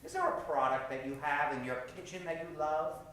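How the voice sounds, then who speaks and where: Heard through a distant mic in a very echoey theater with slight background noise, a man running an improv comedy show projects theatrically to the crowd and asks for audience suggestions. He speaks a little high, fairly quick, and a bit bright.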